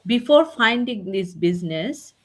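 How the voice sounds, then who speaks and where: A woman from Bangladesh speaking politely and in a measured way as a guest on an online panel. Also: medium pitch, lively intonation. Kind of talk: online group discussion.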